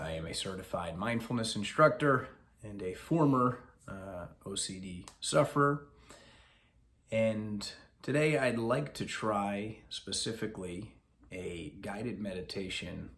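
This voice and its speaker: A man with a low, deep voice guides a meditation, slow and calm, pausing often between instructions. His voice rings in an echoey room over a faint background hiss. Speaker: mindfulness instructor.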